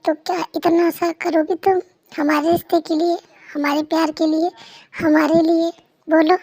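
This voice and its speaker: A woman's voice: very high-pitched, flat delivery, moderate pace, darkish tone, poor audio. A woman with a cold voicing an earnest, apologetic young husband in an amateur fan dub, repeating herself insistently. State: has a cold.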